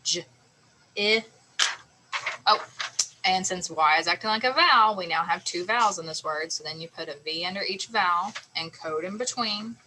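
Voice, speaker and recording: A woman's voice: lowish voice, fairly quick, background noise. A woman teacher explaining a phonics lesson patiently, sounding out letters and syllables step by step.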